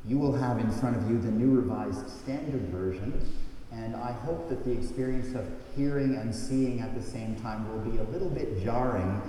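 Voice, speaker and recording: A man reading the gospel aloud at a church service in a slow, measured way, his voice carried by a cathedral echo. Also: medium pitch, mellow, a little hiss or hum. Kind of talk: liturgical scripture reading. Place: large church. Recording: cavernous church reverb from a distant mic.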